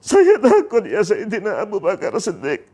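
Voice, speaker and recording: A man's voice: high voice, wildly swooping pitch, moderate pace, warm tone, breathy edge, voice pushed up, heavily acted. A man voicing a weeping, fearful male companion in a sermon story, with trembling tearful cries.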